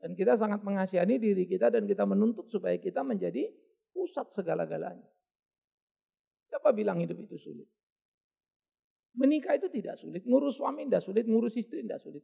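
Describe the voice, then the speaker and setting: A man's voice: high-pitched, creaky, slightly rough, dull audio. A male pastor, preaching a sermon at a church service with playful wordplay and rhetorical questions.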